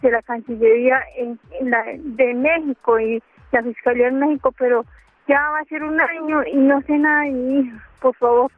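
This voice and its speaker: A woman's voice: sits high, steady tone, moderate pace, dry recording. A woman calling in from the countryside, heard over the phone, pleading and urgent. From Colombia. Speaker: radio caller. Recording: tinny phone line.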